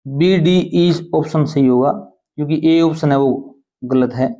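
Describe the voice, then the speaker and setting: A man teaches an exam-prep class. His voice sits a little high, yet it sounds warm and relaxed. He explains each answer step by step and keeps asking short questions. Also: measured pace.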